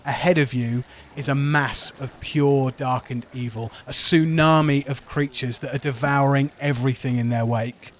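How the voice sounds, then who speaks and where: A man running a tabletop game, narrating dramatically and descriptively with deliberate pauses. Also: medium pitch, fairly even intonation, a little hiss or hum. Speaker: game master.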